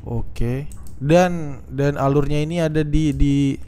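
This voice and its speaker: A young man, a gaming YouTuber, casually talking through a let's-play in a relaxed, chatty way, thinking aloud with lots of fillers. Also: on the high side, takes it slowly, smooth.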